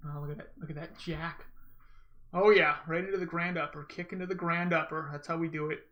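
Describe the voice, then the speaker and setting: A man's voice: a little high, fairly even intonation, brisk, a bit bright. A man giving casual, rambling gameplay commentary as a speedrunner, often breaking off and restarting his thoughts. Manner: rambling, informal, self-interrupting storytelling. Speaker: gamer, speedrunner commentating own run.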